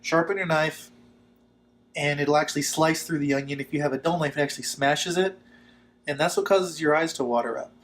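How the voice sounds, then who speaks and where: A man with a slightly high voice talks through a cooking demonstration in a laid-back, chatty way. He gives casual instructions and joking asides as host. Kitchen noise is clearly audible behind him. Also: fairly quick, fairly bright tone. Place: kitchen, at the stove and counter.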